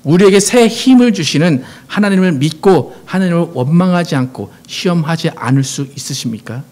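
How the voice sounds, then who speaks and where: A man's voice: fairly high pitch, expressive, normal speed, a little mellow. A middle-aged man preaching a Sunday sermon as pastor, earnest, often asking his congregation questions and reading scripture aloud with emphasis.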